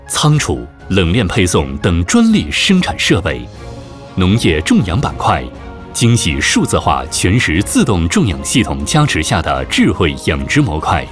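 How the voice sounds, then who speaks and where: A man reading a scripted corporate promotional voice-over in a formal, steady announcer manner. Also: deep voice. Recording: voice-over with background music.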